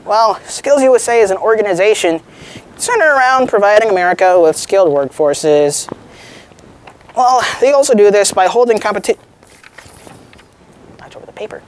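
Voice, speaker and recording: Animated young student woman anchoring a mock newscast. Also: medium pitch, normal speed. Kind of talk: mock newscast read from a script.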